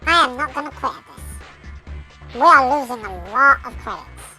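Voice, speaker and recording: A woman talking casually while streaming, her voice run through a high chipmunk-like voice changer, chatty and self-amused. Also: moderate pace, bright, forceful tone, faint music behind. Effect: high chipmunk-like voice changer filter. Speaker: streamer testing voice effects.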